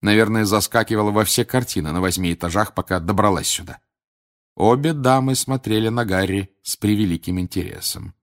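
A man narrating an audiobook, expressive, with dramatic pauses. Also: fairly low pitch. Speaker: audiobook reader.

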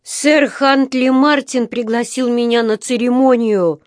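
A woman's voice: a little high, fairly even intonation, measured pace, no room sound, studio quality, pitched above the performer's own voice, lightly acted. A woman reading a storybook aloud, voicing a small, polite and earnest young male bear in a raised, eager voice. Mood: indignant.

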